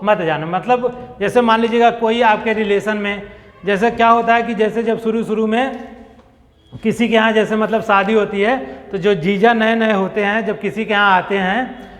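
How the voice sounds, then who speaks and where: A man teaching an exam-prep grammar lesson. He repeats key points, often checks in with his listeners, and reads examples slowly, word by word. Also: high voice, big-room sound.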